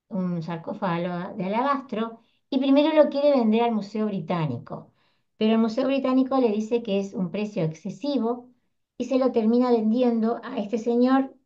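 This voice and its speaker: A woman's voice: mid-range voice, a little mellow, lo-fi sound. A woman giving a history lecture to a class, explaining step by step in a conversational way with frequent tag questions. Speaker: history teacher.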